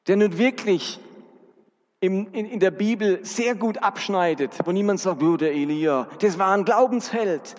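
A man preaching a sermon, earnest and speaking directly to his congregation. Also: sits high. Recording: dull recording with long hall reverb.

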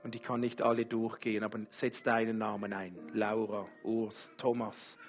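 A man preaching a sermon as pastor, speaking slowly and gently and inviting the congregation to worship. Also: on the low side, level tone, soft background music. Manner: slow, gentle, speaks softly in personal address.

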